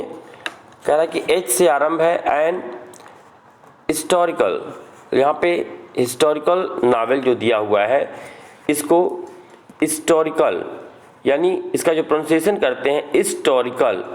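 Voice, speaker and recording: A male teacher, explaining a grammar lesson step by step and answering his own questions. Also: on the high side. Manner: slow, explains step by step, asks questions then answers them.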